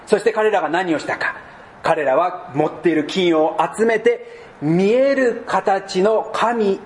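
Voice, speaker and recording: A man preaching a sermon as pastor, speaking deliberately and dropping to soft, low tones at key points.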